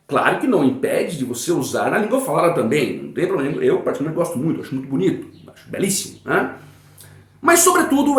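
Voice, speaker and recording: A man teaching a grammar lesson in a didactic way. He often checks that his students follow, and he reads example sentences slowly and with emphasis. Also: fairly high pitch, reverberant. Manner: didactic, checks understanding with frequent "né?" and "tá bom?".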